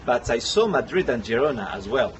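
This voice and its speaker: A man's voice: mid-range voice, very animated, a little fast, a little hiss or hum, low-quality recording. A man gives hesitant, thoughtful interview answers. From Morocco. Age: 30s.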